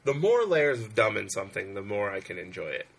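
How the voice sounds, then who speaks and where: A man's voice: lowish voice, sing-song, a little fast, vocal fry, a bit bright, breathy edge. A man co-hosting a podcast in casual, sardonic chat, rambling with restarts. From Pennsylvania. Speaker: podcast co-host.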